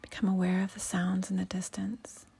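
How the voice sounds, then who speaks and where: Breathy, near-whispering woman guiding breathwork. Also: mid-range voice, completely flat delivery, moderate pace, mellow. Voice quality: breathy, husky, close to a whisper. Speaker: yoga and breathwork teacher. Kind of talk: guided breathing and meditation instruction.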